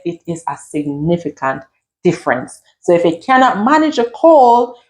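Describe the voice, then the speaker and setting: Lively Jamaican woman vlogging in patois-tinged talk. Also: lowish voice. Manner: lively, switches into patois phrases. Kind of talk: casual talk to camera.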